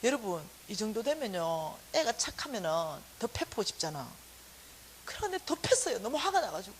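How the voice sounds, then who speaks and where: Animated high-voiced woman telling a testimony. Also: normal speed, low-quality recording. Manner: animated storytelling, acting out quotes. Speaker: church staff lecturer. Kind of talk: sermon-style testimony. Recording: faint hiss.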